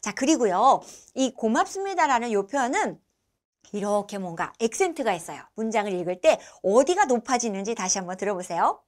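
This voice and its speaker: A woman teaching an online language lesson with a slightly high, clear voice. She models each phrase slowly and distinctly and leaves room for learners to repeat. Her manner is encouraging, and she praises them along the way. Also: very animated.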